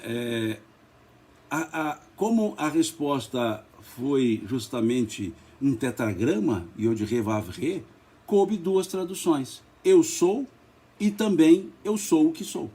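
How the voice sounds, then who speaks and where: A man with a Brazilian Portuguese accent leading a spiritist study, slow and emphatic, spelling out letters and repeating words. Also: on the high side, big pitch swings, mellow, breathy edge. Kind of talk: religious study talk.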